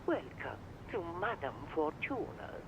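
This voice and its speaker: A man voicing a theatrical fortune teller in a video game, with a mystical, dramatic delivery and drawn-out pauses. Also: a little high, very animated, muffled recording, background noise. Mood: mystical, commanding. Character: theatrical fortune teller reading tarot over the phone.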